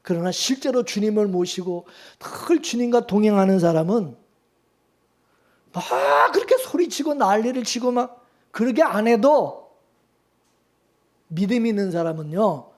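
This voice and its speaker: This sermon comes from a male pastor whose high voice is unhurried and marked by long pauses. He throws rhetorical questions at his congregation, alternating between forceful urging and hushed calm.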